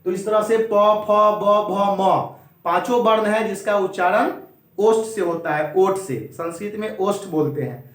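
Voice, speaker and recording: A man teaching a Hindi grammar lesson at a board, drilling each point slowly and repeating it while he speaks straight to his students. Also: high voice. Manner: slow, repetitive drilling, addresses students directly. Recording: very echoey room.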